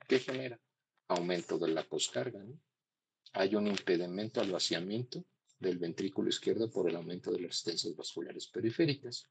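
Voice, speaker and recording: A man's voice: deep voice, vocal fry, husky, poor audio. A man giving a classroom lecture on cardiology, explaining step by step and checking in with his students.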